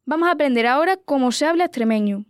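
Woman reporter, scripted voice-over, high pitch, dry close sound. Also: lively intonation, fast talker, no echo. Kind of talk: scripted narration.

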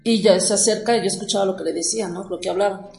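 A woman's voice: medium pitch, fairly even intonation, fast talker, darkish tone, soft background music. Woman recounting a story, echoey room. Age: middle-aged. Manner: emotional, rambling, many fillers like 'este'. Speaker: guest telling a personal story. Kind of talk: casual storytelling.

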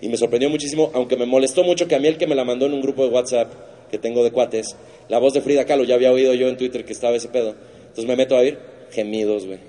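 A man's voice: mid-range voice, steady tone, fast, dark tone, slight background noise. A man with a Mexican Spanish accent hosting a comedy show, riffing crudely on the week's news and swearing constantly. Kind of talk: stand-up news monologue.

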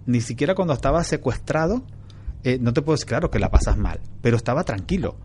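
A man from Venezuela, a guest in an interview, telling his story in a calm, frank and reflective way. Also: mid-range voice, quick pace, noisy background. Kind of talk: relaxed storytelling in conversation.

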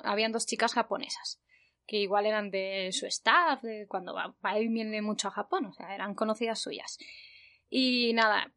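A woman from Spain hosting her podcast, telling an anecdote in a chatty, animated way with a Spain Spanish accent. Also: a little high. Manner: chatty, animated, acts out quoted voices. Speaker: podcast host. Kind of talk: casual anecdote storytelling.

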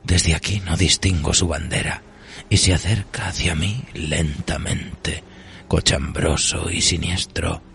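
A man's voice: low voice, fairly even intonation, vocal fry, full character voice. A man voicing an ancient weary cursed sea treasure. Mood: brooding. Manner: slow, solemn, at times hushed to a whisper. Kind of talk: recited dark poem. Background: music.

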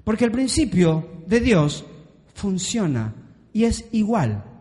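A man preaches a lively sermon in a very high voice and speaks straight to the congregation. He slips into the voices of the people he quotes. The sound carries a long reverb from the church hall. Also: slow pace. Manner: animated, acts out quoted voices.

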